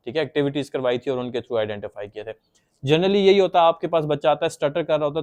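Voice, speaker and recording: A man's voice: mid-range voice, a little mellow. A man giving a patient, plain explanatory lecture on psychology, acting out stuttering examples as he goes.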